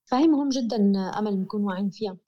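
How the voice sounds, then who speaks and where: A woman with a Levantine Arabic accent and a medium-pitched voice speaks at a racing pace on a muffled recording. As an interview guest, she explains things reflectively, earnest and emphatic, repeating key phrases.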